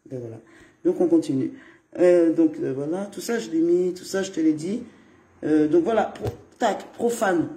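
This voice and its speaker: Man, high mellow voice, loose chatty live-stream rambling in an echoey room. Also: normal speed. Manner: rambling, chatty, laughs often, greets viewers. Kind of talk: casual live-stream monologue. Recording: roomy echo.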